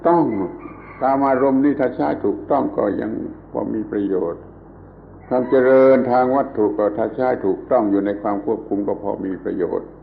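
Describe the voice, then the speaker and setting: A man's voice: mid-range voice, moderate pace, creaky, a little hiss or hum. A man giving a plain, emphatic Buddhist Dhamma talk, repeating his points as he teaches. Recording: phone-like old tape recording.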